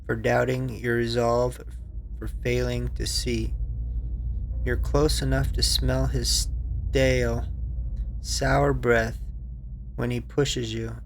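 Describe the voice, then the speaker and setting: A man hosting a game playthrough, reading the story text aloud in an even way, with small stumbles and asides. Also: mid-range voice, slow, gravelly, long pauses, slight background noise. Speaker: let's play host.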